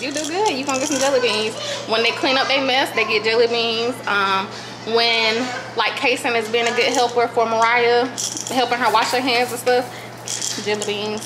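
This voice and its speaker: Chatty woman vlogging in an echoey kitchen. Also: on the high side. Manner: chatty, addresses viewers as y'all, self-mocking about chores. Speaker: family vlogger. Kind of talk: casual vlog chat to camera. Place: home kitchen, indoors. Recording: echoey room with background noise.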